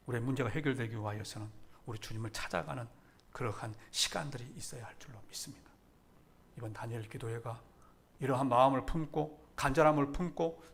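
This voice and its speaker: A man preaching a sermon as pastor, dramatically swinging between loud emphatic declarations and hushed near-whispers, repeating key phrases for emphasis. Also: mid-range voice, creaky.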